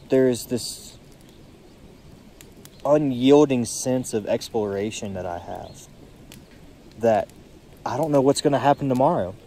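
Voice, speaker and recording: A tired young man musing aloud in a solo vlog, seated outdoors by a creek, filling his pauses with "you know". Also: mid-range voice, mellow, a little hiss or hum. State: tired, yawning. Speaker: podcast vlogger. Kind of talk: reflective solo monologue. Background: faint creek water and birdsong.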